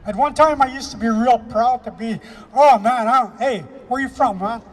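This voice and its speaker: A man from Canada delivering an impassioned speech at an outdoor rally, emphatic and repetitive, slowing down to stress key phrases. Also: extremely high pitch, long reverb tail. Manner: emphatic, repetitive, with slow weighty pauses. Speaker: rally speaker.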